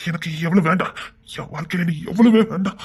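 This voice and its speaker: A man's voice: sits high, slightly rough. A man playing a young rowdy who broods over a past heartbreak and scolds a woman for coming back. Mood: brooding. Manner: scolding, rapid, exasperated. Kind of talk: amateur romance drama acting.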